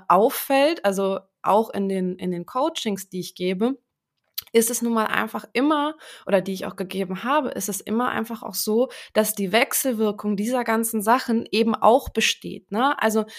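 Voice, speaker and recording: A woman who works as a coach, talking earnestly in a casual podcast conversation and explaining ideas directly to the listener. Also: mid-range voice.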